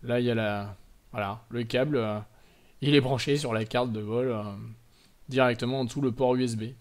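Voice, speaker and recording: A man's voice: medium pitch, fairly even intonation, normal speed. A man hosting a casual tutorial at home, talking chattily with many fillers and self-corrections, with the odd joking aside. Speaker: drone tutorial host. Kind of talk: casual screen-recorded tutorial. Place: indoors at home.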